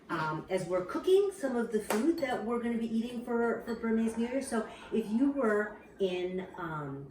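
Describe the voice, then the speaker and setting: A woman from Burma, a mother, casually explaining a family cooking activity at home to her children's classmates. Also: medium pitch. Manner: warm explaining to schoolchildren, chatty with fillers. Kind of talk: casual home video narration. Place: home kitchen. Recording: echoey kitchen, camera far off, noisy.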